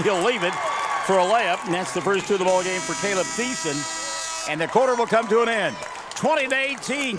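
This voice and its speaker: A man calling a high school basketball game on the radio, jokey and excitable, yelling on big plays. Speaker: play-by-play announcer. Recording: gym crowd noise behind.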